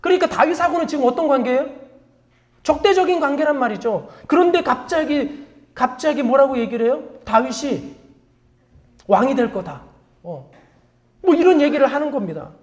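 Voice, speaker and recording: A woman's voice: sits high, animated, moderate pace, pauses often, darkish tone. A woman pastor preaching a sermon. She asks the congregation many rhetorical questions, prompts them to repeat after her, and admits her own faults. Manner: confessional, self-deprecating asides; call-and-response prompting.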